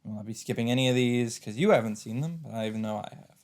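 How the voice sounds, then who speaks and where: With a mid-range, darkish-toned voice, a man reads visual novel narration aloud and gives casual let's play commentary in a halting, rambling manner. There's slight background noise.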